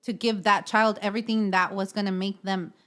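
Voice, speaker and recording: A woman's voice: mid-range voice, little pitch movement, a little fast, a bit bright. A woman co-hosting a podcast in casual chat, explaining earnestly at length and often checking in with "right?". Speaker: podcast co-host.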